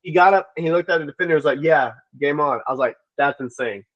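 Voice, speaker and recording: A man co-hosting a casual sports podcast, retelling plays with animated quoted voices. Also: on the high side, rapid-fire, no room sound. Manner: animated storyteller, acts out quotes. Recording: dull, dry lo-fi mic.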